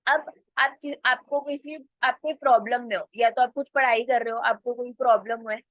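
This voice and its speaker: Indian woman teaching English, bright and close. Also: a little high, fairly even intonation, dry recording. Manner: explains in Hindi, says English sentences slowly and clearly. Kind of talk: spoken English lesson in Hindi.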